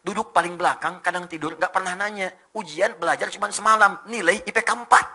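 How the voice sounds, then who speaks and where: A man with an Indonesian accent preaching a lively sermon, joking and mimicking foreign speakers, swinging from soft to loud. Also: high voice, fast, creaky, a little hiss or hum. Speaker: Islamic preacher. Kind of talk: lively sermon to young people.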